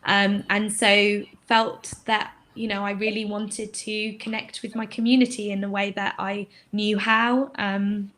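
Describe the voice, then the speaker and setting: A woman raised abroad, now a shop owner, talking casually in a webinar interview with many pauses and fillers. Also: mid-range voice, little pitch movement, a bit bright. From England, raised in Greece. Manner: hesitant, many fillers, laughs easily.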